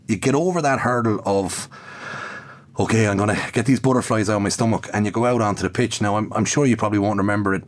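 A man with an Irish accent hosts an interview, asking long, roundabout questions in a conversational way. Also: fairly low pitch. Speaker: interviewer, podcast host.

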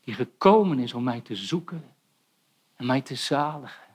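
A man's voice: medium pitch, animated, moderate pace, husky. A man preaching a sermon in an earnest, pleading way, speaking directly to young listeners.

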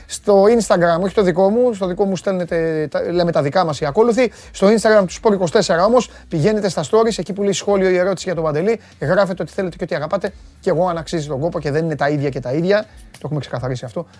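A man hosting a live sports show, chatting casually and teasing his viewers in a loud, rough voice. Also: high voice, no room sound. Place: studio.

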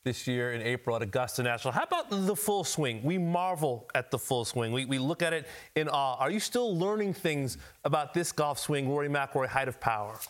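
A man's voice: medium pitch, animated, brisk, hardly any pauses. A man hosting a golf broadcast, putting questions to an analyst. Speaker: sports show host.

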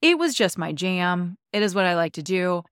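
A woman's voice: on the low side, very animated, moderate pace, fairly bright tone, clean tone, dry recording, studio quality. A young adult woman, co-hosting a podcast in casual, enthusiastic chat full of "like". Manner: chatty and enthusiastic, many likes. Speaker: podcast co-host.

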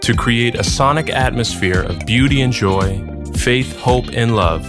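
A man introducing a music segment in a measured, earnest scripted read. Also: medium pitch. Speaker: music production director.

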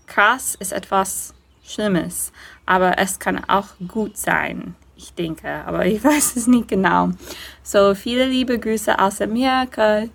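A young woman from Indiana speaks slowly and carefully in learner's German in a recorded voice message. English is her first language, and she lets out small laughs between phrases. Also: medium pitch, gravelly. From USA, Indiana. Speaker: listener sending a voice message.

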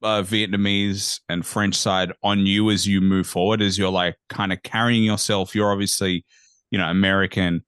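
A man with a notably low voice hosts a casual podcast interview. He asks searching, thoughtful questions and reflects at length. The recording is dry and close. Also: little pitch movement, moderate pace, a bit bright, clear, resonant tone, no echo. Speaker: podcast host.

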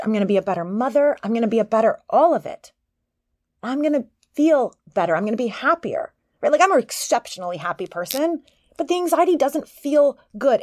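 A woman's voice: a little high, no room sound. Earnest woman podcast coach, dry close sound. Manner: earnest and encouraging, rising to bursts of excitement. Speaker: podcast host and life coach. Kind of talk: motivational podcast talk. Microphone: podcast microphone.

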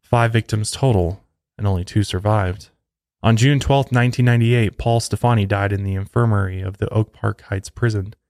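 In a fairly low, somewhat mellow voice, a male podcast host reads a true crime script, unfolding the story step by step at normal speed with fairly even intonation. The sound is dry and close, with minimal room and no echo.

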